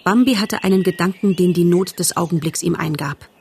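A woman reading a storybook aloud as narrator, calm and measured. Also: on the low side, slightly rough. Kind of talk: audiobook narration.

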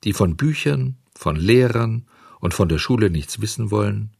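A man reading a storybook aloud, voicing a kind, solemn little marmot who speaks slowly and soothingly. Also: lowish voice, expressive, creaky, husky, no room sound, clean studio sound, exaggerated voice. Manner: slow, soothing, lecturing.

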